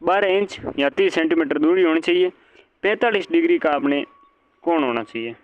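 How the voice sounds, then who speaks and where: A man's voice: on the high side, expressive, a little fast, no echo. A male teacher giving an exam-prep lecture, asking and answering his own questions and repeating each point. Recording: dull lo-fi audio.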